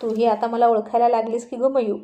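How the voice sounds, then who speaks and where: A woman's voice: fairly high pitch, flat delivery, brisk, warm tone, highs cut off, close to an everyday voice. A woman reading a story aloud and voicing a playful young husband who teases and coaxes his wife. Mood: teasing. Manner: teasing, coaxing.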